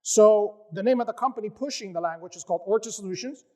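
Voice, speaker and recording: Presenting at a tech conference in a session room, an American man who sounds like a company founder addresses developers. His voice is notably high, his delivery upbeat, animated and fast, with loose speech full of "uh" fillers.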